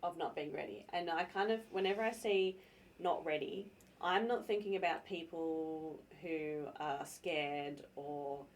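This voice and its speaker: A woman with a low voice thinks aloud in a casual podcast chat and laughs easily. She sits a little away from the mic, and faint background hiss comes through. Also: measured pace, far from the mic.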